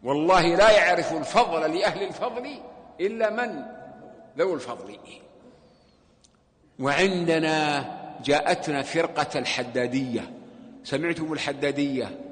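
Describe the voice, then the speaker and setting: A man's voice: a little high, expressive, normal speed, long pauses. A man teaching a mosque lesson, emphatic and rhetorical, putting questions to his listeners. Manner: emphatic, rhetorical, swings from loud to hushed. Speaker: sheikh teaching hadith. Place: mosque hall. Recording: echoey mosque hall.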